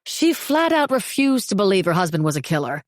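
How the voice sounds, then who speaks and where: A woman's voice: mid-range voice, big pitch swings, brisk, no room sound, natural voice. Woman putting on a brash overloud woman, blunt, derisive, dry close sound.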